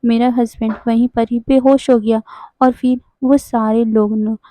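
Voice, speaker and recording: Casting: woman reading as a tearful young wife in a storybook, halting, mellow voice. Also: on the high side, flat delivery, lightly acted. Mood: grieving. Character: grieving young wife telling her ordeal.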